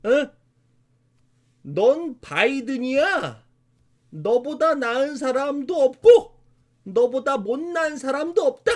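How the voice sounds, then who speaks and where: A man's voice: extremely high pitch, lively intonation, slow, pauses often, voice pushed up, heavily acted. A man voicing a fierce, protective older mother. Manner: commanding, emphatic.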